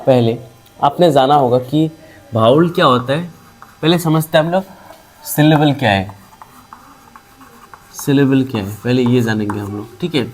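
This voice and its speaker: A man's voice: mid-range voice, darkish tone, a little hiss or hum. A man teaching English grammar, repeating each point and asking and answering his own questions. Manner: slow, repetitive, asks and answers own questions. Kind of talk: classroom grammar lesson.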